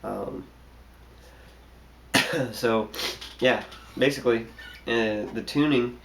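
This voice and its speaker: A young man with a cold-scratchy voice hesitantly explains a guitar part in a casual tutorial, full of ums and restarts, while guitar plays throughout. His mid-range voice is gravelly with a fairly bright tone, and he speaks extremely slowly.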